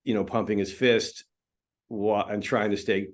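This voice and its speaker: An unhurried man with a fairly low pitch talks as a film editor in an interview. He comes across as relaxed and chatty, relying on lots of fillers and restarts.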